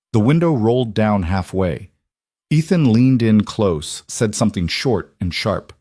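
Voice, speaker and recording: Man reading a story, low voice, measured and even, dry close sound. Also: dry recording. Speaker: narrator. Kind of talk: scripted story narration.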